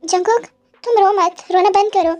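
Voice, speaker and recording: A woman's voice: extremely high pitch, normal speed, darkish tone, highs cut off, faint music behind. A woman voicing a caring young woman who reassures and playfully teases her friends in an audio story. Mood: reassuring. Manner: reassuring, promising tone.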